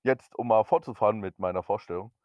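Relaxed young man, low dull voice. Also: fast, dry recording. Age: 20s. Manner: relaxed, hesitant with fillers. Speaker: podcast co-host. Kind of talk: casual podcast chat. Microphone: new podcast microphone.

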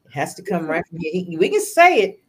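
New woman, low and animated, earnest faith chat, full of restarts. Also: brisk, slightly rough. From New York. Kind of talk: casual faith-based chat.

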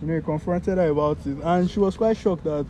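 A man's voice: fairly high pitch, quick pace, mellow, slight background noise, rough recording. A young man from Nigeria with a Nigerian accent, chatting casually as a podcast co-host and often searching for words. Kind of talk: casual chat.

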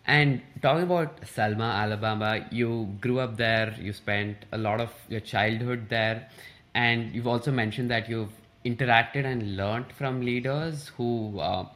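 Guy interviewer with a lowish voice, asks questions, lots of yeahs and rights. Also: fairly bright tone. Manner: attentive, affirming. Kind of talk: interview questions and brief backchannels.

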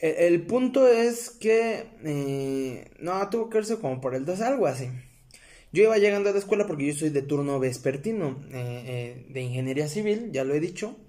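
A man's voice: on the high side, animated, fairly quick, darkish tone. A young man with a Mexican accent casually telling a personal story to his viewers, rambling with fillers and self-corrections and calling them friends. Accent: Mexican Spanish. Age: young adult. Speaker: vlogger.

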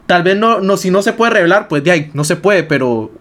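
High-voiced Costa Rican interviewer. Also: male voice, lively intonation, fairly quick, fairly bright tone. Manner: rambling, hedging questions. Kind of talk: casual interview chat.

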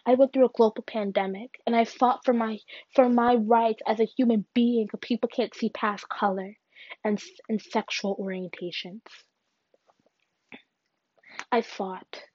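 A woman's voice: on the high side, steady tone, mellow, breathy edge, no echo. Earnest young woman, dull dry recording. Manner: earnest, halting, with restarts. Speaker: podcast host. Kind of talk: solo personal podcast reflection. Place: alone at home.

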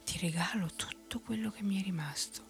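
A woman voicing a gullible male peddler in whispered role-play, in a soft unvoiced whisper. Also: mid-range voice, brisk, gravelly, soft background music, lightly acted. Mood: resigned.

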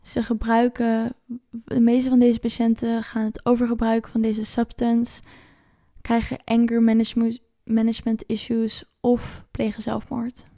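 A woman's voice: on the high side, completely flat delivery, measured pace, mellow, no room sound, studio quality. A woman coaching viewers through an online challenge, explaining in a chatty, informal way and sometimes searching for words.

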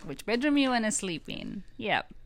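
A woman's voice: medium pitch, wildly swooping pitch, normal speed, vocal fry, slight background noise. A woman guest in a casual interview, giving plain, easygoing answers. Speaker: team leader guest.

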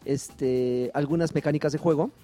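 A man's voice: on the high side, fairly even intonation, moderate pace, warm tone, soft background music. A man, co-hosting a casual gaming podcast in a laid-back, teasing way. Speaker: podcast co-host. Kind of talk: casual chat.

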